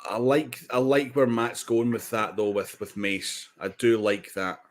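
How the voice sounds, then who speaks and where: A man hosting a casual livestream watch party, excitable, swearing casually and restarting his sentences. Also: mid-range voice, unhurried. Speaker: livestream host.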